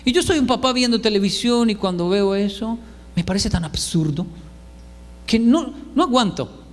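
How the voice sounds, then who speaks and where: A man delivers a comic storytelling monologue and acts out every voice in it. His voice is high and carries a long hall reverb. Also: normal speed. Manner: animated, acts out dialogue.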